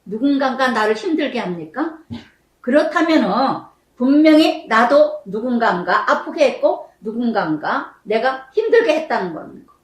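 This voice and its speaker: An older woman pastor giving a sermon, telling a personal testimony and acting out remembered quarrels with strong emotion. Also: high voice. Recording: echoey church hall, mic at a distance.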